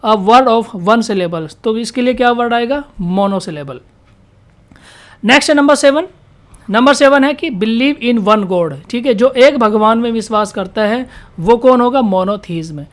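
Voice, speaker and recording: Higher-voiced woman teaching vocabulary. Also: expressive. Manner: asks questions and answers them herself, repeats key words; reads English definitions slowly. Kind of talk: vocabulary lesson for exam students.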